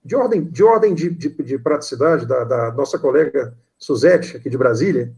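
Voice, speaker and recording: A Brazilian man moderating an online lecture, halting as he reads out audience questions. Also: mid-range voice, lively intonation, gravelly, a little mellow. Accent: Brazilian Portuguese.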